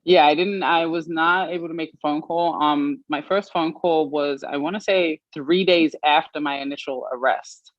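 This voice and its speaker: Woman from australia telling her story, earnest and measured, lots of ums, dry slightly dull stream sound. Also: low-pitched, steady tone, no room sound. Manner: earnest, measured, with frequent pauses and fillers. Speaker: interview guest. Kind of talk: personal account in an interview.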